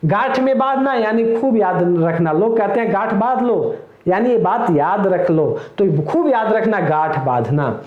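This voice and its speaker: A man's voice: high voice, animated, unhurried, echoey room, narrow, tinny audio. A man teaching an exam-prep lesson, explaining each idiom with everyday example sentences and calling his viewers friends. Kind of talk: recorded lecture.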